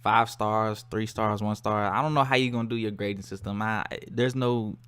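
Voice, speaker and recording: A man's voice: fairly low pitch, steady tone, moderate pace, a bit bright, smooth. An American man talking casually to viewers as a video creator, in a slangy, laid-back way. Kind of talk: casual challenge vlog.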